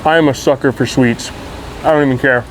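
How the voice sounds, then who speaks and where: Casual vlogger, mid-pitched voice, informal and enthusiastic, chatty travel commentary, noisy vehicle and outdoor ambience. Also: fairly even intonation, a little fast. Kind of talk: casual vlog chat to camera.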